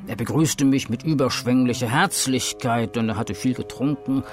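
A man narrating a story in the first person, measured and dramatic with a sly edge. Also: mid-range voice, soft background music. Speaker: audiobook narrator.

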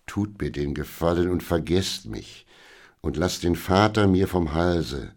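A man's voice: deep voice, lively intonation, unhurried, a little mellow. A man voicing a proud young knight who speaks curtly and dismissively, in a storybook reading. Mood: irritable. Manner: curt, dismissive. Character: proud young male knight, curt and irritable.

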